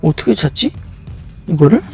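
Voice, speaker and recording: Animated, higher-pitched man doing game commentary. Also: moderate pace, creaky, faint music behind. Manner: muttering to himself, thinking aloud. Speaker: video game streamer. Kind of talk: casual live gameplay commentary.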